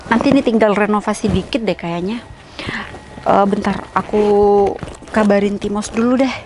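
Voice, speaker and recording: A woman's voice: mid-range voice, moderate pace, background noise, lightly acted. A woman playing a chatty, bossy house-hunter. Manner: chatty, talks to herself and on the phone. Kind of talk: amateur skit acting.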